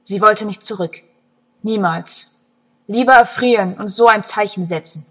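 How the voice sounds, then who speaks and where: Breathy woman reading a storybook, expressive, mid pitch, goes quiet then loud. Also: unhurried. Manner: expressive, with swings between hushed and loud passages. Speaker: narrator. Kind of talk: scripted storybook narration.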